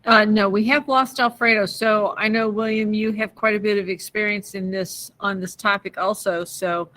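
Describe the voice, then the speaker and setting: A man helps run a panel discussion. His voice sits high and sounds bright and tense, and he keeps his words brief and direct. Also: fairly even intonation, moderate pace, rough recording. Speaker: panel organizer. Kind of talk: casual panel talk.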